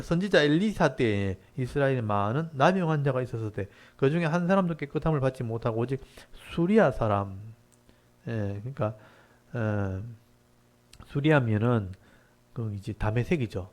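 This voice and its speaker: A male pastor giving a Bible lecture sermon, explaining verse by verse and briefly acting out mocking townspeople. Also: medium pitch. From South Korea.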